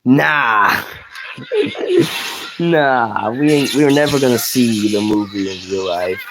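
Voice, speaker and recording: A gaming commentator talks casually while he plays, his mid-range voice unhurried. He rambles, restarts his sentences and laughs at his own jokes, all over a noisy recording.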